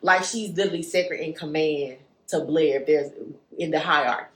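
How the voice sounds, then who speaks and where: Low-voiced woman podcast co-host. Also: brisk. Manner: chatty, emphatic, slangy. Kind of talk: casual book review chat. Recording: echoey room.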